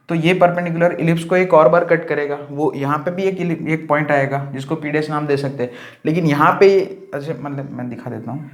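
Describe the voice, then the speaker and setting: Patient man teaching maths, echoey room. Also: fairly high pitch. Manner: patient, repeats key terms, self-corrects. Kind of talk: lecture explaining on a board.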